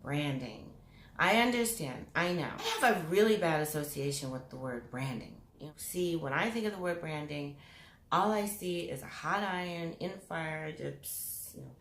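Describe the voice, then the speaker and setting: Giggling and wandering off on tangents, this channel host chats casually to her camera in a low-sitting, animated voice at an ordinary pace. The mirrored room she's in gives the audio a noticeable echo.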